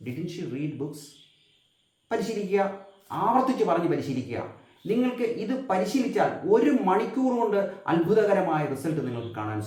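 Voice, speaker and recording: A man teaching English grammar in a lesson, drilling example sentences slowly and deliberately, with a Malayali accent. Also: a little high, darkish tone, echoey room.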